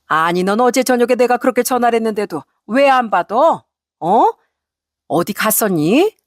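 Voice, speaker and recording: A woman voicing a furious, domineering older mother-in-law who scolds in a shrill, shouting voice. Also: lively intonation, a little slow, no echo, clean studio sound, close to an everyday voice. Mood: furious scolding.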